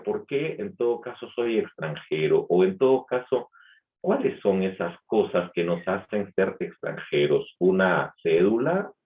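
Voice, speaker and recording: Deep-voiced man preaching with a light Peruvian accent. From Peru. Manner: reflective, asks rhetorical questions. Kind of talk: Sunday sermon. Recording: tinny phone-like sound.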